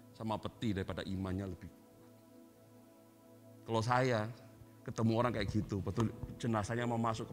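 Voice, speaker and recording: A male pastor preaching a sermon with lively storytelling, acting out quoted dialogue. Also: mid-range voice.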